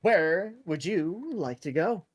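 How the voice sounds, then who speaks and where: Teasing man reading game text aloud. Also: takes it slowly. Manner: teasing, dramatic readings with lively pitch. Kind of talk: casual gaming chat and playful narration.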